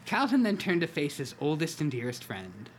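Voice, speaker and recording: Man reading aloud with halting asides. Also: fairly high pitch, wildly swooping pitch, a little hiss or hum. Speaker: podcast host. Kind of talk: comedic read-aloud with asides.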